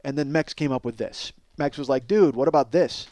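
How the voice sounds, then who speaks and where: The podcast host speaks fairly quickly in a darkish, mid-range voice over a dry recording, rambling through a comedic monologue in which he cuts himself off, curses and pokes fun at himself.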